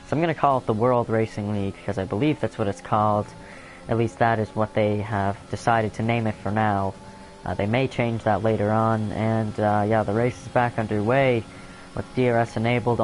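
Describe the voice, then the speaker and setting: A man's voice: lowish voice, a little hiss or hum, rough recording. Rambling young male sim-racing commentator. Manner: rambling, filler-heavy, self-correcting. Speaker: race commentator.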